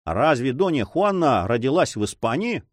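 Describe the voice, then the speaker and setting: In a dry studio-quality take, a man performs an eager young noble in love, impatiently pleading. His medium-pitched delivery, set higher than his natural voice, moves at a moderate pace with big pitch swings.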